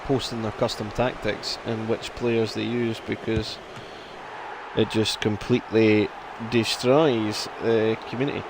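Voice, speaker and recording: A man's voice: fairly low pitch, little pitch movement, unhurried, background noise. A man commentating casually on his own live game stream, chatting and reacting to the play. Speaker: gaming streamer.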